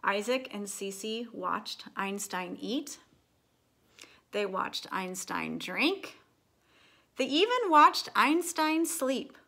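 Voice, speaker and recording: A woman with a creaky, mid-range voice tells a picture-book story aloud, pacing her expressive phrasing deliberately for little listeners.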